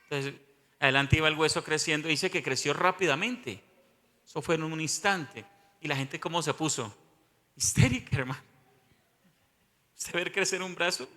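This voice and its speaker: A man's voice: a little high, normal speed, long pauses, bright, forceful tone, big-room sound. A male pastor, teaching a sermon and often asking the congregation questions.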